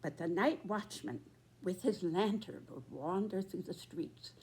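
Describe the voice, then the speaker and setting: Very old woman, slow and halting. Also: on the low side, darkish tone. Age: 90s. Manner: very old person's slow, halting delivery in short phrases. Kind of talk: reflective spoken address.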